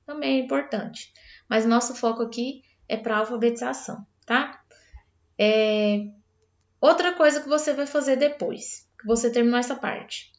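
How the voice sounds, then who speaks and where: A woman's voice: on the high side, normal speed. Brazilian woman, teacher, literacy lesson, step-by-step explanations, roomy dull recording. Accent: Brazilian Portuguese. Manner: explains step by step, addresses viewer directly. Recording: roomy, slightly dull sound.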